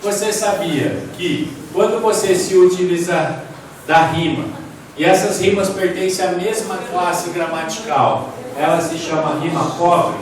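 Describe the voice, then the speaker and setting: A man's voice: high voice, measured pace, a crowd in the background. Man lecturing in an echoey hall. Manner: explanatory, asks the audience questions, points at slides. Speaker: poetry lecturer. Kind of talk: classroom lecture with slides. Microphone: distant from the mic. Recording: echoey hall, distant mic, faint room noise.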